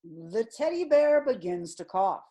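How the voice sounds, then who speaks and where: A woman narrating a comic audio play in a deadpan, measured way. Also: mid-range voice. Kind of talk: scripted narration.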